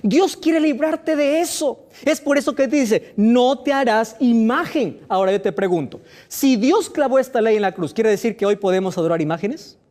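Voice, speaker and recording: A man preaching a sermon, firing rhetorical questions at the listener and voicing imagined objections, with dramatic swings in pitch and loudness. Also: moderate pace, hardly any pauses.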